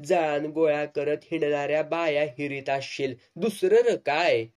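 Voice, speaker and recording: A blunt, earthy older village man, voiced fairly high by a male storyteller. He scolds and teases in plain rustic speech, wary of trouble. He sits close to the narrator's own storybook voice. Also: unhurried, darkish tone, natural voice. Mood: scolding, teasing.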